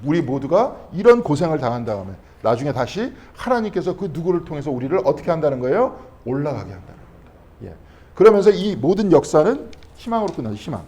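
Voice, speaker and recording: A male pastor leads a Bible study at a brisk clip, his voice rising and falling a great deal and sitting a little high for a man. He keeps firing questions at the class and answering them himself, with a chatty "right?" tucked in here and there. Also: sing-song, mellow. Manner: conversational, checking in with frequent tag questions.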